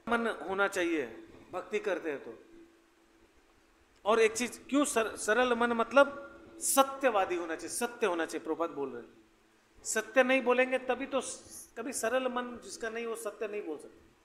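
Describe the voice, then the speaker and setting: A man's voice: high voice, lively intonation, normal speed, fairly bright tone. A man giving a devotional scripture lecture in a conversational, anecdotal way, often wry. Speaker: preacher giving scripture class. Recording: echoey hall with faint ambience.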